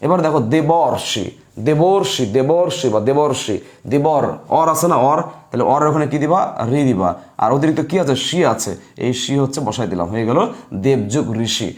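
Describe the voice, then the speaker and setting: Fast-talking teacher, man. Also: mid-range voice, expressive. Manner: repeats points and quizzes the listeners. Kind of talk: online grammar lesson.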